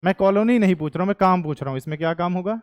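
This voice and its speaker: Indian guy teaching history in class, high-ish voice, dry sound, jokey, keeps quizzing the students. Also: very fast, clear, resonant tone, no room sound. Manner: jokey, mixes Hindi and English, asks the class questions. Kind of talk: classroom lecture.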